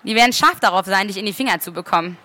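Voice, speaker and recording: A woman's voice: mid-range voice, racing, pushed and bright, no echo, close to an everyday voice. A woman reading aloud at a book fair, voicing a serious, impatient young man with a dry, matter-of-fact manner.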